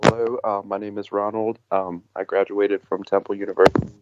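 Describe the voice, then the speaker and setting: A man's voice: fairly low pitch, level tone, fairly quick, lo-fi sound. A man testifying at a hearing over a remote call, hesitant with many ums, his audio choppy and breaking up. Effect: choppy audio, breaking up over the call line. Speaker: member of the public testifying at a hearing.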